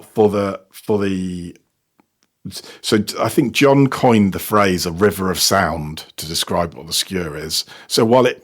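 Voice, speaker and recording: The speaker, a sound designer and technical producer, has a low, slightly bright voice with a breathy edge. Interviewed casually about audio production, he sounds hesitant and tends to repeat words while he searches for phrasing.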